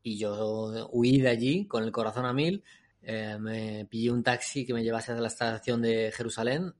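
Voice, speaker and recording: A man's voice: mid-range voice, normal speed. A man, casually telling a travel story on a podcast and laughing as he goes. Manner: animated, laughs while telling. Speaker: podcast co-host.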